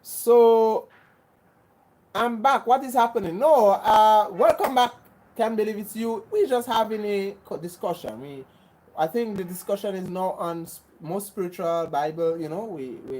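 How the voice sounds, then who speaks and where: The recording is rough, and the Grenadian host's voice sits at medium pitch with a darkish tone and a moderate pace. Answering viewers in relaxed livestream chat, he talks earnestly, often restarting and repeating himself in a pushy, sermon-like way.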